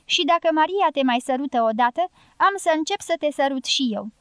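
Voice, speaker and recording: A woman's voice: high voice, animated, dry recording, studio quality. Pilar, a woman reading a bold, strong-voiced guerrilla woman. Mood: bold teasing. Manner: teasing, forceful.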